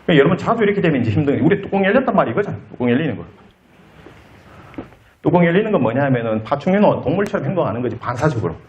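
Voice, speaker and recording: Animated man giving a counseling lecture. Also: a little high, racing, dull audio, a little hiss or hum. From South Korea. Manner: animated, acts out quoted lines in shifting voices. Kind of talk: academic conference lecture. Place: lecture hall.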